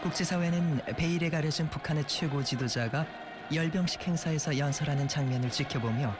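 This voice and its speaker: A man narrates a documentary from a script in a formal, measured delivery. His voice sits a little above the usual male pitch, and loud music plays behind him. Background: loud background music.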